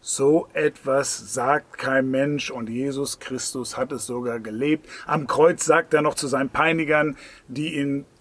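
A man preaching a sermon in an earnest, insistent way, swinging between loud emphatic lines and hushed near-whispers. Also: mid-range voice, steady tone, a little slow.

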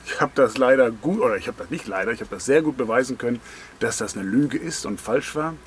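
A man's voice: mid-range voice, lively intonation, brisk, a little hiss or hum. Earnest German-speaking preacher man. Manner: earnest, direct address with rhetorical questions; pointed, emphatic phrasing. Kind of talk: devotional sermon on a Bible verse.

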